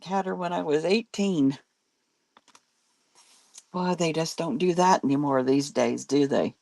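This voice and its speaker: A woman's voice: sits low, a little slow, gravelly, warm tone, no echo. An older woman, a grandmother, chatting casually on a live stream, laughing often and answering viewer comments as she talks. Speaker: live-selling host.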